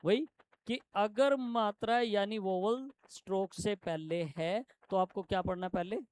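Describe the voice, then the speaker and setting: A man teaching shorthand to a classroom, explaining step by step and quizzing his students with quick questions. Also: sits high, smooth. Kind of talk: classroom lesson.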